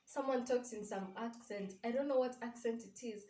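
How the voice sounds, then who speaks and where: A young woman with a Kenyan accent and a slightly high, dark-toned voice chats casually at a moderate pace with her sister for a sibling tag video. The vlogger is giggly and often searches for words. She's recorded indoors in a small bare room by a camera across the room, so it sounds echoey and distant.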